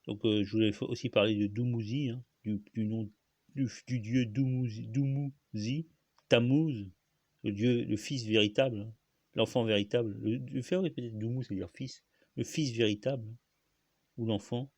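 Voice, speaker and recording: A man's voice: mid-range voice, steady tone, normal speed, darkish tone, dry recording. A man hosting a solo talk, explaining words in a hesitant, rambling way, full of fillers, restarts and coughs. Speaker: host.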